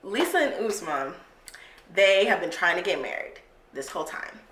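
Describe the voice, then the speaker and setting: A woman's voice: fairly low pitch, sing-song, normal speed, a bit bright. A young woman, chatting casually as a beauty vlogger and giggling easily. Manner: chatty, giggly, drawls slang. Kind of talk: casual chat. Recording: echoey room with faint noise.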